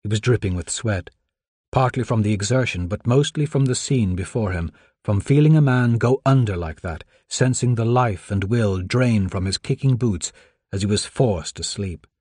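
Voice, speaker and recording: A man reading scripted audiobook narration in a measured, even storytelling manner on a close microphone. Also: on the low side, breathy edge, no room sound.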